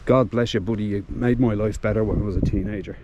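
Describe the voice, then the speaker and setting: An Irish vlogger with a Dublin accent talks casually and from the heart while filming outdoors, full of fillers and restarts. His lowish voice holds a steady tone at a fast pace, recorded lo-fi over a noisy background.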